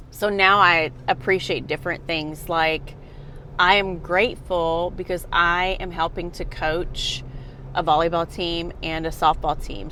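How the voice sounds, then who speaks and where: Slow-talking woman in her forties. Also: sits low, fairly bright tone, slight background noise. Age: 40s. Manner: earnest, unhurried, speaks directly to the viewer. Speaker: fitness vlogger and mom. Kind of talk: casual motivational talk to camera.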